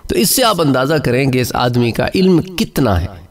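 A man's voice: mid-range voice, sing-song, moderate pace. A man giving an Islamic religious lecture, explaining points in a conversational way and addressing listeners as brother. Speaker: Islamic preacher.

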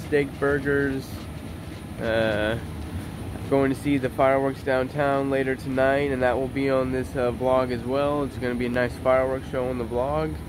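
Casting note: upbeat twenty-something man vlogging on his phone, rambly and filler-heavy, with clear background noise. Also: mid-range voice. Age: 20s. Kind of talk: casual vlog chat. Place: outdoors beside a house, and a kitchen. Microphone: handheld phone camera at arm's length. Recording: noisy outdoor phone recording.

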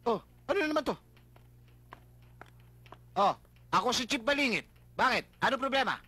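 A man playing a blustering male police chief in a slapstick comedy, shouting insults at his men. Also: very high-pitched, lively intonation, normal speed, breathy edge, heavily acted.

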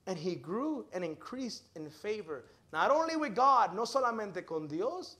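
A man preaching a bilingual sermon at a church service, switching between English and Spanish line by line and calling the listener "hermano". He talks with energy, rising loud on key words and then dropping to low asides. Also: very animated, measured pace.

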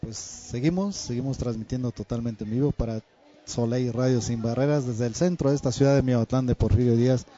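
A man hosting a live radio broadcast, steady with a few hesitant fillers. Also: medium pitch, fairly quick. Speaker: radio host. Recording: dull lo-fi recording.

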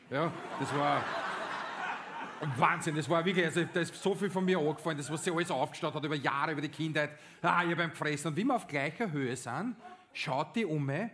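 A man with an Austrian accent doing stand-up comedy, telling a story in a lively, animated way with sudden bursts. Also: on the high side, fairly quick, crowd noise.

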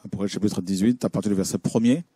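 Male preacher, low and dark-toned, halting with fillers while he comments and reads scripture. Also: fairly even intonation, slightly rough, no room sound, clean studio sound. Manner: hesitant, many fillers and restarts. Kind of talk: sermon with Bible reading and commentary on images.

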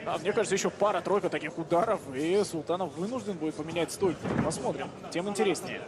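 A man's voice: a little high, quick pace, noisy background. A man giving live analytical sports commentary as the second commentator at a fight. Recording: loud arena crowd behind.

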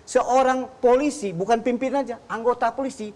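A man's voice: extremely high pitch, steady tone, normal speed, darkish tone. A man, a defense lawyer, arguing insistently in a televised debate and often restarting his sentences. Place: tv studio.

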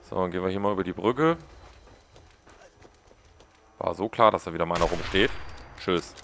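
Male let's play host, gravelly, cracks jokes at the game's characters. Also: deep voice, normal speed, fairly bright tone, a little hiss or hum. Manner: joking, mocking game characters. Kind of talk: casual gameplay commentary.

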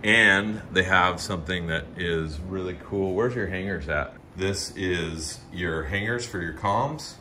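Low-pitched and sharp, this man speaks at a measured pace with almost no pauses. He's hosting a casual tour of a parts warehouse and workshop, eagerly chatting and pointing things out while he films. The shop recording is noisy.

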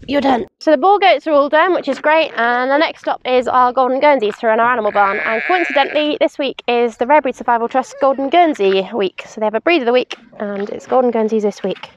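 A woman's voice: on the high side, muffled recording, a little hiss or hum. Young woman livestock keeper explaining farm work. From England. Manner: practical, explains while working, frequent "um". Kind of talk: casual farm demonstration. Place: outdoor paddock and large open farm barn.

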